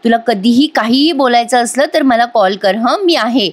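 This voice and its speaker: A caring young man from a retold serial, coaxing someone to calm down, as a woman reads him. It stays close to her own light voice. The tone is soft and reassuring. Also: fairly high pitch, normal speed, natural voice. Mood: soothing.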